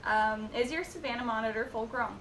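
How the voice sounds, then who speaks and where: A twenty-one-year-old woman reads out viewer questions and answers them in a casual Q&A chat, dropping giggly asides along the way. She talks a little fast in a fairly bright tone, recorded in an echoey room with a noisy rumble.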